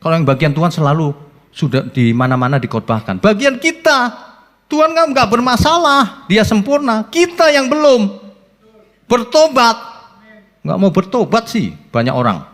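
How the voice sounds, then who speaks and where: A man preaching a sermon as pastor, animated, asking rhetorical questions and acting out quotes. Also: sits high, moderate pace. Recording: long church reverb.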